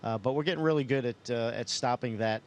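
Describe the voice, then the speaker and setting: A man's voice: mid-range voice, fast talker. A man, an astronaut, answering questions over a space-to-ground radio link. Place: inside a space station. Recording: noisy space radio downlink.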